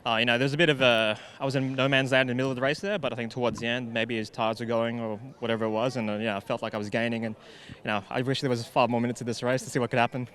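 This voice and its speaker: A race driver rattles off his answers at great speed. His tone stays easygoing and mid-pitched. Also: flat delivery, fairly bright tone. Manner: fast, easygoing talk. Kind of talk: post-race interview.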